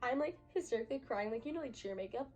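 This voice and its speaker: A woman's voice: on the high side, lively intonation, very fast, darkish tone, faint music behind, low-quality recording. A young woman vlogger telling a personal story to camera in a chatty, emphatic way, full of fillers.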